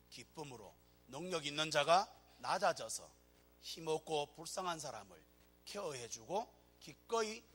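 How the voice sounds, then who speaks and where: Lively, bright-voiced Gyeongsang preacher. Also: male voice, a little high. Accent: Gyeongsang Korean. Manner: animated, joking preacher who acts out scenes. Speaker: pastor. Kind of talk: sermon.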